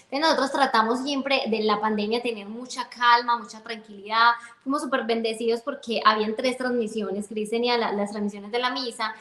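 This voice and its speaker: Chatty woman, slightly high, echoey room. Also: fairly even intonation, brisk, hardly any pauses, a bit bright. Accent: Colombian Spanish. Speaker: guest sharing faith testimony. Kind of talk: personal testimony storytelling. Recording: roomy echo.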